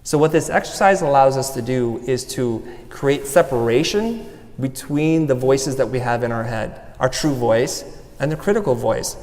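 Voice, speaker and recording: A man speaks from a stage in an earnest, personal way, walking listeners step by step through an exercise. His voice sits at an ordinary middle pitch. A long reverb from the hall hangs after each phrase. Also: normal speed, a little mellow. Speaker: speaker giving a talk. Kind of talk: motivational talk.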